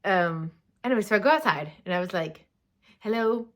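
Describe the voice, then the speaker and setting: A young woman with a slightly low voice tells a personal story, chatty and animated. She rambles through fillers and quick asides in a loose, casual vlog delivery. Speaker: vlogger telling a personal story.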